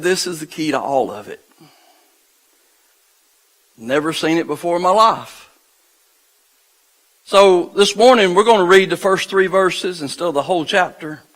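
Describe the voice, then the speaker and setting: Slow, bright-voiced pastor preaching. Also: male voice, high-pitched, low-quality recording. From United States. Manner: slow, deliberate delivery with dramatic pauses and rising intensity. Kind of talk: sermon. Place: church sanctuary. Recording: live church livestream.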